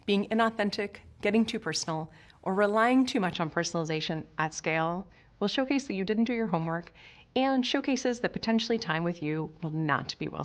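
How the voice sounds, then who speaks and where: A woman from Switzerland narrating a sales course in an upbeat, emphatic coaching manner, speaking straight to the viewer. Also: medium pitch. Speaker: sales instructor.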